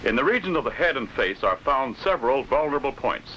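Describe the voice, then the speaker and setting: A forceful American man talks fast as he narrates an old instructional film in a formal, authoritative way. He carefully enunciates each phrase while his pitch moves in lively steps, over a noisy vintage soundtrack.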